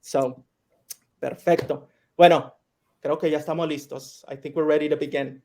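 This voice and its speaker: A man's voice: a little high, steady tone, normal speed, warm tone. A man hosting a livestream interview, enthusiastic and slipping in the odd Spanish phrase. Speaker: host.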